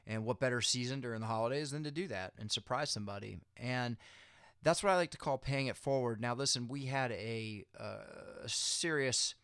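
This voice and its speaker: A man's voice: medium pitch, normal speed, a bit bright, clear, resonant tone, no room sound, studio quality. A man hosting a motivational series, giving a halftime-style pep talk straight to viewers in a conversational, encouraging way, leaning on repeated phrases for emphasis. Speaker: host of a motivational video series.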